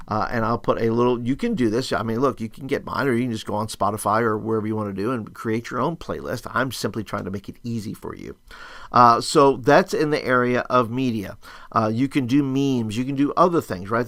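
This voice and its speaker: An upbeat man with a youth pastor's conversational way of teaching. His voice sits at a medium pitch in a dry recording. He works through ideas aloud, posing questions and checking in as he goes. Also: a little fast, fairly bright tone, no echo. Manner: thinks aloud, asks and answers own questions, often adds "right?". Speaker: youth ministry teacher and video host. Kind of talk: casual instructional screencast talk.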